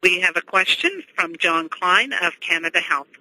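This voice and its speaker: A woman's voice: fairly low pitch, normal speed, heavy background noise. Formal woman conference call operator. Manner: formal, even. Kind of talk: scripted operator announcements.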